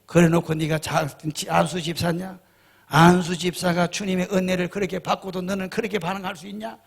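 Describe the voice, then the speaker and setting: A man's voice: high-pitched, level tone, fairly quick, creaky, slightly rough. A middle-aged male pastor preaching a sermon, emphatic, often firing rhetorical questions at the congregation.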